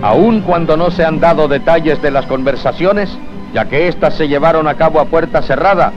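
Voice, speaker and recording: A man's voice: a little high, moderate pace. A man narrating in the formal, solemn, declamatory manner of an old newsreel. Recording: dull 1970s film soundtrack, music behind. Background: music.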